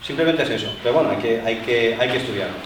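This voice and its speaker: A man instructing a martial arts class, explaining to the group with many fillers and pauses. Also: mid-range voice, over loud music. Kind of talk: live seminar demonstration. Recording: echoey hall, voice from far off, faint noise.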